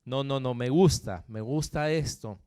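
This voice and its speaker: A Peruvian man preaching a sermon as pastor, animated and jokey, often checking in with the congregation. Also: medium pitch, measured pace, smooth, dry recording, studio quality. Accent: Peruvian Spanish. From Peru. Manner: animated, jokey, frequent tag questions to the congregation.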